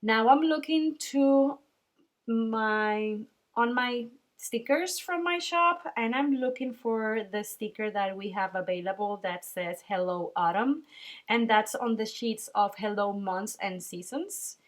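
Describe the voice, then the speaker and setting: A young Puerto Rican woman who owns a planner sticker shop narrates a casual voice-over while decorating a planner. Her voice sits a little high and carries a Puerto Rican Spanish accent, and she pauses often with ums and small laughs.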